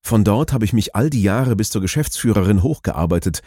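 Male narrator, lively pitch, warm and dry. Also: no echo. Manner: measured, explanatory. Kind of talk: scripted documentary narration.

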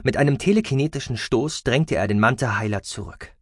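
A man narrating an audiobook in a calm, measured way. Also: mid-range voice, husky, no echo, studio quality. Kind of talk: scripted narration.

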